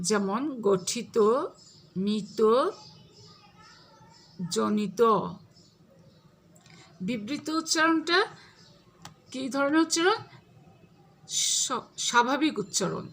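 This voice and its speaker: A woman teaching a grammar lesson at a very slow, deliberate pace. Her voice is bright and sits a little high, and she steps through each example word by word. Faint noise hums underneath.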